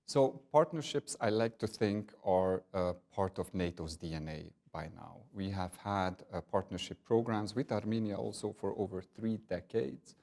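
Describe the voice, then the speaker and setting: Deep-voiced man, measured answers. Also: vocal fry, warm tone. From Hungary. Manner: measured, diplomatic, with frequent filler pauses. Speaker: NATO partnerships director, guest. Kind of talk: interview answers.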